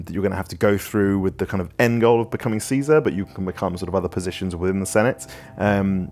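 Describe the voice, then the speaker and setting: Low-voiced man explaining casually. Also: a little mellow. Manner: rambling explanations full of ums and you-knows. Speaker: game developer answering questions. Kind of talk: casual Q&A chat.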